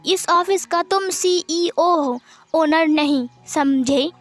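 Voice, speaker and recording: A woman's voice: very high-pitched, slow, no room sound, soft background music. Woman doing a stammering, flustered young man. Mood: defiant. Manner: stammers when scared.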